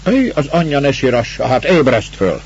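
A man doing a gruff, impatient landowner. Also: mid-range voice, sing-song, voice pushed up. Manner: barking, scolding orders. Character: gruff older male landowner, impatient, blunt. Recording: dull lo-fi recording, faint hiss.

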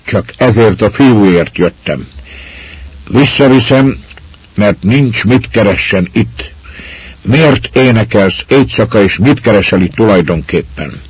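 A man voicing a calm, firm old man in a storybook reading. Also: lowish voice, husky, no echo, muffled recording, voice pushed up.

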